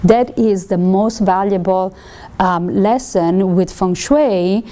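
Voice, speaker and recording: Woman, Italian accent, instructor, casual lecture, warm mellow tone, self-correcting. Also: mid-range voice, slow pace. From Italy. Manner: conversational teaching with frequent ums and self-corrections. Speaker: feng shui instructor. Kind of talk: live lecture to students.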